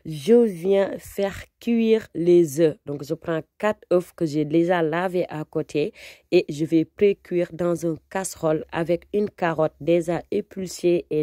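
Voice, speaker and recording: A woman's voice: low voice, mellow, dry recording, clean studio sound. A woman with a Senegalese accent giving a casual recipe voice-over as a cooking vlogger, switching between French and Wolof.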